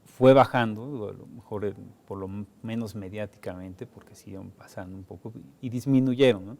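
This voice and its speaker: A man's voice: on the low side, moderate pace, dark tone. A Mexican man hosting a studio panel, conversational, often tagging his questions with a questioning "no". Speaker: host. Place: television studio.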